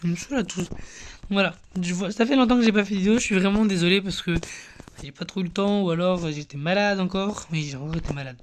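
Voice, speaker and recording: A man's voice: high-pitched, fast, a little hiss or hum. A man hosting a casual gameplay video from his bedroom, rambling and self-deprecating, with lots of fillers. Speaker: gaming channel host. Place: bedroom at home.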